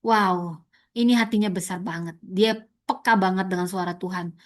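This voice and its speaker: A woman preaching a sermon, animated, repeating words for stress and jumping high to mimic others. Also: moderate pace. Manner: animated, leaps to high pitch for emphasis and mock quotes; addresses listeners as "saudara", repeats words for stress.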